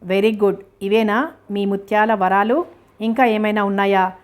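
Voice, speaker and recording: A sharp-tongued young woman answers back with cool sarcasm, as a woman reads her in a storybook. The delivery stays even and flat, with a mid-range pitch. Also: normal speed, close to an everyday voice. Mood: sarcastic. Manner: sarcastic, defiant.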